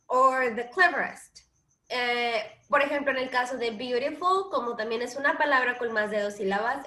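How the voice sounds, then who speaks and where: A woman teacher giving a bilingual English grammar lesson, drawing out her example words slowly and checking often that the class follows. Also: fairly high pitch, pushed and bright, roomy sound.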